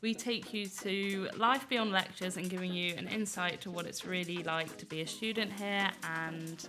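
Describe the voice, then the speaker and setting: A young woman co-hosting a student podcast, relaxed and dry in her remarks. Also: on the low side, moderate pace, music in the background. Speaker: podcast co-host. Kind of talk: casual podcast chat.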